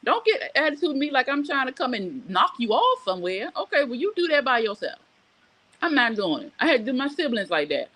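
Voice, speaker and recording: Her voice is high, fairly bright, and very animated, and she talks a little fast; the recording quality is low. She's a middle-aged woman hosting an informal live morning show, telling personal stories, reading viewer comments, and giving frank, emphatic advice.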